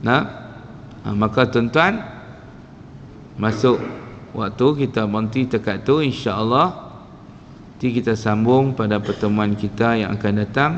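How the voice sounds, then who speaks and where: Man, religious teacher, animated storytelling, muffled lo-fi recording, reverberant hall. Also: lowish voice, a little slow, long pauses, a little hiss or hum. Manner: animated storytelling, acts out quoted voices. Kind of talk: mosque lecture. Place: mosque hall. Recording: dull lo-fi mosque recording with reverb.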